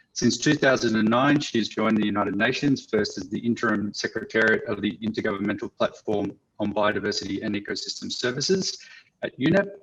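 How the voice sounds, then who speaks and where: A man moderating an online panel, speaking in a measured, halting way with many fillers over a video call. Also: lowish voice, fairly bright tone. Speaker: webinar moderator. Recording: muffled lo-fi audio.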